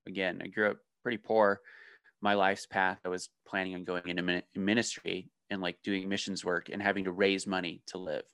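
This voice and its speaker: A man's voice: low voice, level tone, a little fast, fairly bright tone, clear, resonant tone, no echo. A man, a business owner, telling his story candidly in an interview, with joking asides. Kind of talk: casual interview.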